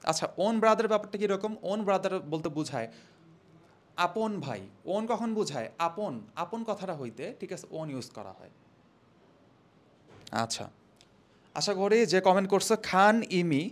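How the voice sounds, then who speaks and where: High-voiced young male tutor. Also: expressive, brisk. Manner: conversational, asks students questions and answers them himself. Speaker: exam-prep English teacher. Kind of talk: casual spoken lesson. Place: classroom or studio, indoors. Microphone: phone or mic held near the mouth.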